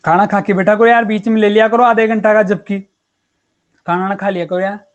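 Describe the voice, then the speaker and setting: High-voiced, chatty male chemistry teacher. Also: fairly even intonation, brisk, dull audio. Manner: chatty and encouraging, calls students beta and yaar. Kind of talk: casual online class teaching.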